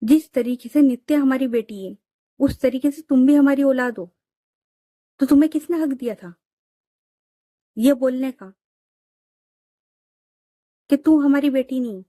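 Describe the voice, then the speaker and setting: A woman's voice: sits high, a little slow, long pauses, dark tone, no echo, studio quality. A woman voicing a middle-aged father who lectures his daughters firmly in an audio story. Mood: stern. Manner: firm, lecturing. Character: middle-aged father, stern but fair-minded.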